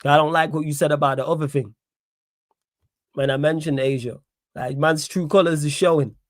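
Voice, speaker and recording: Reading chat aloud on his live stream, a young Manchester man talks back indignantly and repeats himself for emphasis. His slightly high voice keeps a steady tone at a moderate pace, in clean studio sound with no room sound.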